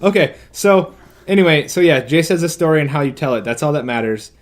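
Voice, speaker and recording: A man's voice: a little high, a little fast. A man co-hosting a podcast, recapping a film in a sarcastic, rambling way. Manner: sarcastic, rambling, mock-quotes characters. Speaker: podcast co-host. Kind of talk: casual chat recapping a film.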